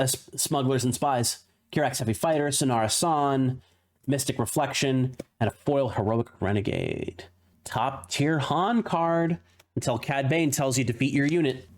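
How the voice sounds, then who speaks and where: Chatty man rattling off card names. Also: medium pitch. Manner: laughs at his own tongue-twisters. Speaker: streamer opening card packs. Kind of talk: casual unboxing commentary.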